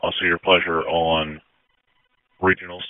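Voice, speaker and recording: A man's voice: low-pitched, little pitch movement, measured pace, no echo. An American man giving brief emergency messages over a two-way radio. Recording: thin, narrow two-way radio channel.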